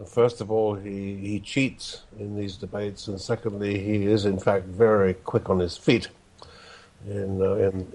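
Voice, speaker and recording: A man talking as a guest on a podcast, halting and hesitant with many restarts. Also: fairly low pitch, a little mellow. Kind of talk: casual chat.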